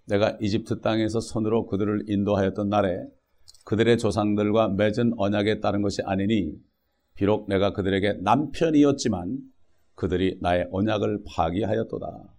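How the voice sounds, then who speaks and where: A man preaching a sermon as pastor, reading scripture aloud and then talking in an animated way, often tossing rhetorical questions at the congregation. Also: on the low side, moderate pace.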